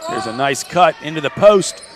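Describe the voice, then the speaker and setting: Man calling basketball play-by-play. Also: on the high side. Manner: brisk, excitable calls that rise on big plays. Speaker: play-by-play announcer.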